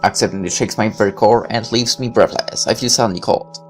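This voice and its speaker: A very deep-voiced woman moves at a quick pace through a visual novel, reading its lines aloud and adding sarcastic, irreverent asides. Faint music plays behind her in this playthrough with offhand commentary.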